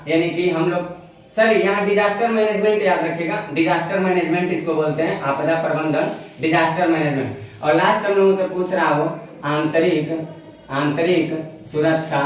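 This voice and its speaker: A male exam-prep teacher giving a whiteboard lecture and explaining each point step by step, repeating key as he writes. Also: high voice. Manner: repetitive, explains step by step while writing on a board. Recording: very echoey room, mic at a distance.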